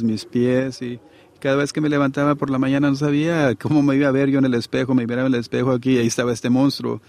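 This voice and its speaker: Gravelly-voiced man preaching a sermon. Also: medium pitch, a little mellow. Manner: conversational, asks the listeners for agreement. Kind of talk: sermon to a congregation.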